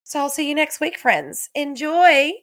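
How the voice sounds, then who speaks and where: A woman's voice: mid-range voice, normal speed, pushed and bright, no echo, studio quality. A young woman with a broad Australian accent chatting casually on a solo podcast, stressing her points emphatically. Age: young adult. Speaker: podcast host and student teacher.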